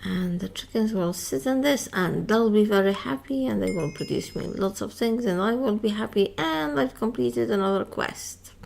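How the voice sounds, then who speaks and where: A woman's voice: on the high side, creaky, darkish tone. A tired woman giving casual, rambling commentary while playing a modded building game, chatty and self-mocking. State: tired, yawning. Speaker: Minecraft modpack let's-player.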